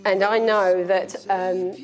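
A middle-aged woman, the bride's mother, giving a warm, halting wedding speech into a handheld microphone in a barn. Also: mid-range voice, level tone, faint music behind. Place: brick-walled barn reception hall.

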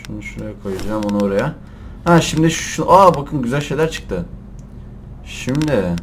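A young man commentating a survival game in Turkish, shouting and cursing at the animals and laughing often. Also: mid-range voice, a little hiss or hum. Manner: excitable, swears and yells at the game, laughs often. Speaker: gameplay commentator. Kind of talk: let's play commentary.

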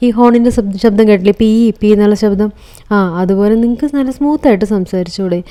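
A woman playing a sharp-tongued young wife. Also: medium pitch, fast, natural voice. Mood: retorting. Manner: sharp retorts, teasing. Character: young village wife, sharp-tongued and quick to answer back.

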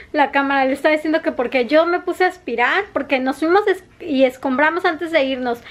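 A high-voiced woman talks straight to her camera at home. She is chatty and giggly, and she acts out short exchanges between herself and others as she tells them. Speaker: vlogger. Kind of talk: casual family vlog chat. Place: home in the United States. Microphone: handheld camera.

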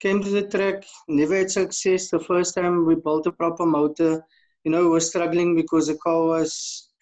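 A man's voice: on the high side, little pitch movement, moderate pace, darkish tone. A man in his thirties with a South African accent, chatting casually as an interview guest over a slightly dull video call. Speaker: podcast guest, amateur drag racer. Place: indoor room, video call.

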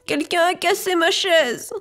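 A woman voicing an upset little bear cub in a children's storybook, with squeaky, plaintive exclamations. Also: flat delivery, measured pace, soft background music. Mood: dismayed. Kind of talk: storybook reading.

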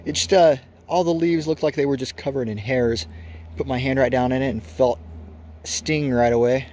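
A man's voice: mid-range voice, fairly even intonation, normal speed, a little mellow. A man chatting casually for a vlog as he films a walk outdoors. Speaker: vlogger filming a hike. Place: outdoors on a wooded trail. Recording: outdoor recording with faint ambient noise.

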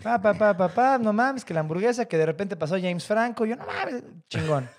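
A man with a Mexican accent, co-hosting a podcast, telling a story in an animated, slangy way and acting out the voices of the people in it. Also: sits high, fairly quick. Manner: animated, slangy, acts out quoted dialogue. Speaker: podcast co-host. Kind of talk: casual storytelling chat.

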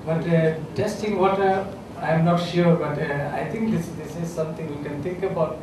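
A male government health official with a Bangladeshi English accent gives unscripted panel remarks at a podium microphone in a conference room before a seated audience. His fairly high voice is fairly even at a moderate pace, hesitant with many uh fillers and restarts. The room is echoey, his voice sounds distant, and background noise is clear.

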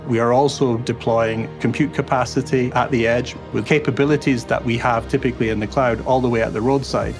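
A man executive calmly explaining in a corporate promo interview. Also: mid-range voice, a little fast, few pauses, music in the background.

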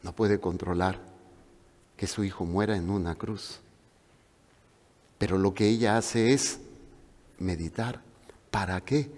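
A man preaching a sermon with a Mexican Spanish accent, telling stories in an animated way and acting out the voices of the people in them. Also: deep voice, takes it slowly, long pauses. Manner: animated storytelling with acted-out voices. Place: church hall. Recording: long reverb of a large hall.

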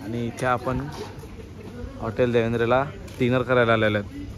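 A man's voice: medium pitch, flat delivery, moderate pace, a crowd in the background. A young man talks to his viewers in a casual travel vlog, filming himself on a phone. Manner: chatty, addresses viewers directly. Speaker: vlogger. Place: outdoors and in hotel rooms. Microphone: phone at arm's length.

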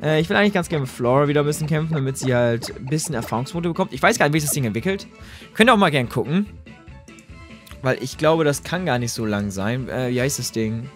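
A young man doing casual, slangy game commentary, talking excitedly to his viewers. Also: medium pitch, fast talker, faint music behind. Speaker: let's play host.

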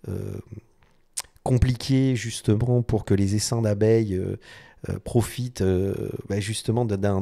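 Male vlogger talking design to camera, mellow, halting delivery with frequent restarts. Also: on the low side. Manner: hesitant, many fillers and restarts. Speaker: design video host. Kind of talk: casual explanatory talk to camera.

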